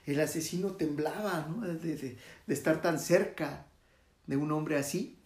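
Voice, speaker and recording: A storyteller who tells a spiritual parable, speaks directly to the audience and pauses often with fillers. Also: medium pitch, darkish tone. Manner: addresses listeners directly, halting with fillers. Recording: roomy echo.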